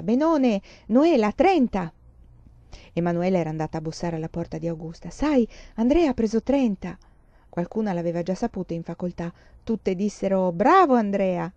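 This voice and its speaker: A woman reading a novel aloud in a calm, measured way, on a dull lo-fi recording. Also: mid-range voice, no room sound. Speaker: audiobook reader.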